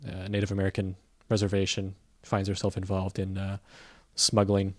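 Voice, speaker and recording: A man's voice: sits low, completely flat delivery, normal speed, dry recording. A man talking casually as a film critic, thoughtful and hesitant, with many fillers and restarts. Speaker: film critic reporting from a festival. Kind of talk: casual conversational review.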